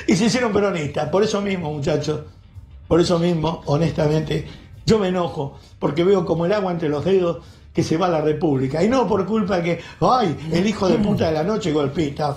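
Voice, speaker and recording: A man's voice: sits high, a little mellow, roomy sound. A man with an Argentine accent delivering an angry, sarcastic editorial monologue as host, full of insults. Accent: Argentine Rioplatense Spanish. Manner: indignant, sarcastic, ranting with insults. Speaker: radio and TV host.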